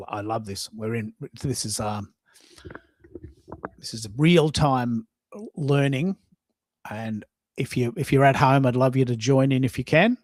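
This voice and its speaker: At medium pitch, a man hosts a live online audio show, talking casually and thinking out loud in a halting manner. He frequently repeats himself as he speaks to listeners, and there's no room sound.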